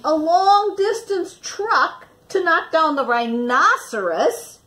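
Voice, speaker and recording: With a high voice and a lively, swinging pitch, a woman reads a picture book to children. She builds suspense with pauses and asks her young listeners questions along the way.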